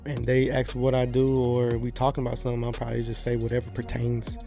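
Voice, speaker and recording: Over music, a podcast guest from Pensacola, Florida, rambles through stories in a laid-back, slangy way during a casual chat. He talks fast in a monotone, medium-pitched voice with vocal fry.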